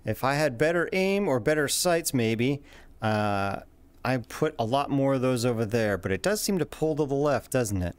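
Casual gameplay host, jokey and exclaiming, highly animated intonation. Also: moderate pace, clear, resonant tone. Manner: playful, exclaiming, swearing at slips. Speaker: host of a video game weapon showcase.

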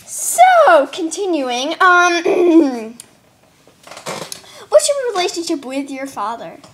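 A woman's voice: sits high, very animated, takes it slowly, a bit bright, slight background noise. Giggly hesitant woman interviewer. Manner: giggly, hesitant, lots of ums. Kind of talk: amateur role-play interview.

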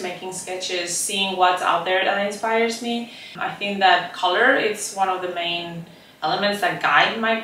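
Recorded off-mic in an echoey, spacious painting studio, with a little hiss or hum, a woman in her thirties from Chile talks reflectively for a documentary. She's a soft-spoken, thoughtful visual artist with a fairly low voice who fills her speech with "like" and "um."

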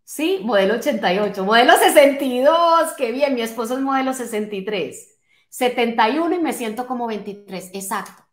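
With a somewhat high, expressive voice and a slightly fast pace, a 49-year-old coach speaks emphatically to a live online audience. Her motivational talk addresses listeners directly through rhetorical questions and check-in tags, recorded in a small home office with echoing indoor acoustics.

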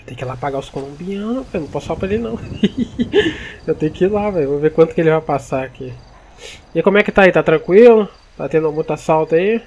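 A man's voice: a little high, lively intonation, quick pace, mellow, dull audio, slight background noise. A man from Brazil chatting casually in character during a game roleplay, with laid-back street slang. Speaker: roleplay player, channel host.

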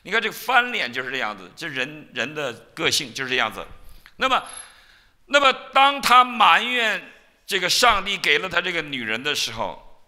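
A male pastor preaching a sermon in a church, telling stories in an animated way and acting out the lines of biblical figures. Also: fairly high pitch, normal speed.

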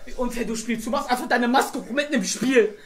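Loud, shouty young man on a livestream. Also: very high-pitched, brisk, roomy sound. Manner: loud, shouting and teasing, with swearing. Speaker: livestream co-host. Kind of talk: rowdy livestream banter while gaming.

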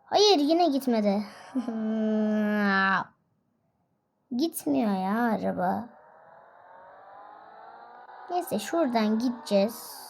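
A woman's voice: on the high side, big pitch swings, takes it slowly, vocal fry, pauses often, a little mellow, a little hiss or hum. A woman giving casual, chatty commentary while playing a driving game, with frequent exclamations and laughs. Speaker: gaming video host.

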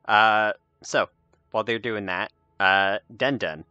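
A man's voice: lowish voice, slow, pushed and bright, clear, resonant tone, no room sound, dull audio, faint music behind. A man working as game master, improvising tabletop game narration in an informal, hesitant way.

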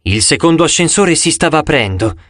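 A man narrates a first-person adventure audiobook with expressive, storytelling delivery. His voice sits a touch high and moves with animated pitch. The studio recording is close and dry. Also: a little fast, no room sound.

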